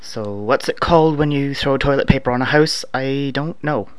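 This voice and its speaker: A Canadian man in his thirties reads survey prompts aloud and answers them with dry, offhand humor, peppering his speech with lots of "uh"s in a relaxed way. His mid-range voice is clear and resonant, moving at a normal speed. It's a dry recording from a home setup with no proper microphone.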